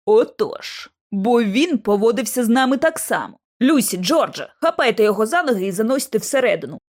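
A woman reading an audiobook, voicing a cool, commanding young man who leads a small agency, speaking calm and measured. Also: a little high, lightly acted. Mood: threatening. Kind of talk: audiobook character voice.

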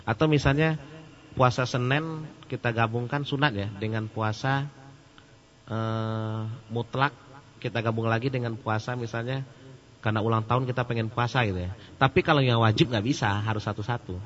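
A man giving a casual question-and-answer sermon, joking and animated. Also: mid-range voice, normal speed, in a large hall. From Sumatra. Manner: joking and animated, laughs at his own jokes. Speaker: Islamic preacher. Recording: muffled lo-fi recording with faint hum.

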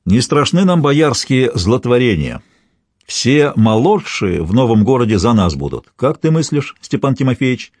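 A man voicing a calm, authoritative grand prince speaking in measured words in a historical audiobook. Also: mid-range voice, no echo.

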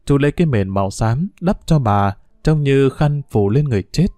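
A man narrating a story in a steady, measured reading voice. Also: mid-range voice, no room sound.

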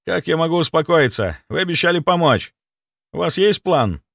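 A man's voice: lively intonation, normal speed, vocal fry, fairly bright tone, no echo, studio quality, heavily acted. A man voicing a panicky middle-aged male clinic director who talks in an anxious, pleading rush. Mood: panicked. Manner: anxious, pleading, high-strung.

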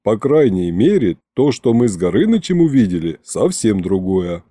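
A man voicing a cautious male scout who reports in a measured way. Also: lowish voice, sing-song, dark tone, slightly rough, no room sound, clean studio sound.

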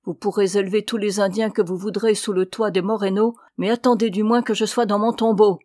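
A proud, heartbroken aging mother speaks coldly and reproachfully, as a woman reads her lines in an audiobook. Her pitch stays in a middle range. The sound is dry and close. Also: steady tone, fairly quick, dark tone, dry recording, natural voice. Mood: bitter. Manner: cold, reproachful. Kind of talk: audiobook reading.

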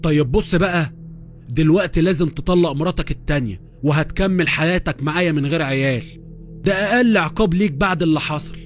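A man voicing a furious, betrayed young wife with an Egyptian accent, shouting accusations. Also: mid-range voice, racing, hardly any pauses, faint music behind, natural voice. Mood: furious, accusing.

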